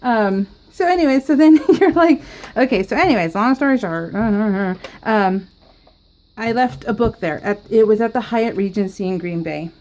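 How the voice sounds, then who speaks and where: A California woman who vlogs about scrapbooking rambles through a story while crafting, chatting casually and laughing often at home. Her voice is mid-range and darkish in tone, at a normal speed.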